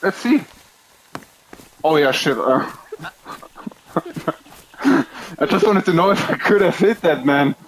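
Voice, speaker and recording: A man's voice: on the high side, lively intonation, normal speed, long pauses, low-quality recording. A German man speaking English with a German accent, chatting casually and a little hesitantly while playing an online game, in a joking manner.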